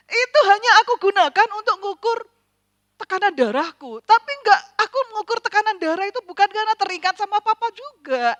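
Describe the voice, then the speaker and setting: Woman preacher, high voice, sharp bright tone, dry sound, hushed to loud storytelling. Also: no room sound. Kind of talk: sermon storytelling. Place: church.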